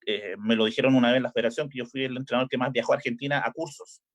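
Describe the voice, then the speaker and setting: A middle-aged Chilean volleyball coach chats casually in a relaxed interview, hesitating often with filler "eh"s and restarts. His mid-range voice is steady but very fast.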